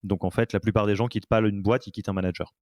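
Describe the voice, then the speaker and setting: A low-pitched man talks casually as a podcast host, pausing often on fillers and restarting his sentences. The sound is dry and close, with no room around it. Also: fairly even intonation, darkish tone, no echo. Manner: hesitant, many fillers and restarts. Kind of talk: casual interview conversation.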